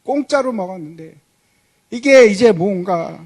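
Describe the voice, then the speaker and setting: A whiny crowd of hungry wanderers grumbling and moaning over their food, as a preacher puts them on. The voice sits high, swings widely up and down, and has a husky edge. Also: male voice, lively intonation, measured pace, darkish tone, exaggerated voice.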